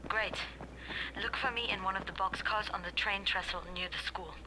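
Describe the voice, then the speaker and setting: An actress playing an urgent, determined female resistance fighter in a video game, brisk and conspiratorial, over a two-way radio. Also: medium pitch, steady tone. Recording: very noisy radio transmission.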